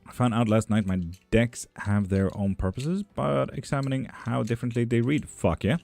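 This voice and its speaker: A young man streaming witchcraft content reads tarot and responds to chat messages loosely and jokingly, cursing a lot. He keeps a steady, moderate delivery in a mid-range, darkish voice with vocal fry. The recording is dry, with faint music behind him.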